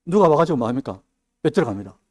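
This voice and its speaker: A man preaching a midweek sermon, dropping his voice low and then rising loud. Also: very animated, very fast. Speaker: pastor. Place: church sanctuary.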